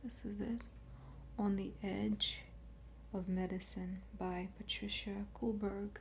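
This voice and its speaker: A woman speaking in a soft, breathy library whisper, quietly and unhurriedly presenting as an ASMR host. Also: medium pitch, steady tone, slow pace, slight background noise, low-quality recording. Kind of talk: soft-spoken ASMR whisper, library-style book show and tell.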